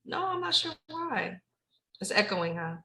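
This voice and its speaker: A woman's voice: medium pitch, big pitch swings, measured pace, bright, forceful tone. A woman giving a home staging workshop over a video call, her audio echoing and doubled. She talks in a chatty way and restates her points.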